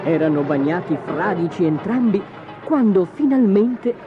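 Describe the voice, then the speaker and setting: Expressive woman narrating fairy tales, animated delivery over background music. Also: fairly low pitch, a little slow. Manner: expressive, dramatic. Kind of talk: children's storybook reading. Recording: dull lo-fi audio with music behind.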